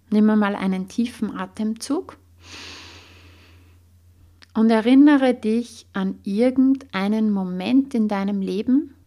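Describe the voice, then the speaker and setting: Woman coach, slow guided exercise, gravelly tone. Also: medium pitch. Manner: slow, calm guiding questions.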